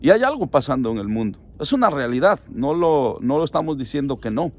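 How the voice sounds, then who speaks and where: A man's voice: mid-range voice, sing-song, brisk, a little mellow. A middle-aged man, a pastor preaching a sermon in an earnest, pleading way, speaking straight to the listener.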